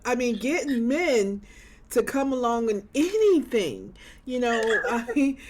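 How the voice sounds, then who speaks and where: A woman's voice: fairly high pitch, very animated, a little slow. A woman hosting a morning show interview, chatting casually in a folksy, colloquial way.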